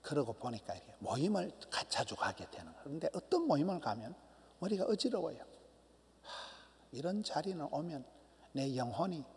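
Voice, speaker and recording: A middle-aged man, a pastor, preaching a sermon emphatically, swinging from loud cries to hushed near-whispers. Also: on the high side, big pitch swings, fairly quick. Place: church sanctuary. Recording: long church hall reverb.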